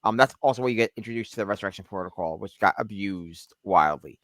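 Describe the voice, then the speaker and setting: A man's voice: lowish voice, fast, crowd noise. A man co-hosting a podcast in casual chat, rambling with lots of fillers and restarts. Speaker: podcast co-host.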